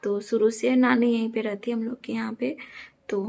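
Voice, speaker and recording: A woman's voice: a little high, flat delivery, normal speed, vocal fry, a little mellow. A young woman vlogger, talking earnestly and defensively to her viewers and repeating her points. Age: young adult. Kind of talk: casual talk to camera.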